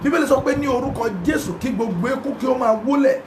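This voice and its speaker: A Nigerian man preaching a sermon as pastor, fervently chanting repeated prayer lines and often breaking into shouts. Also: extremely high pitch, racing, music in the background. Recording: echoey room with background noise.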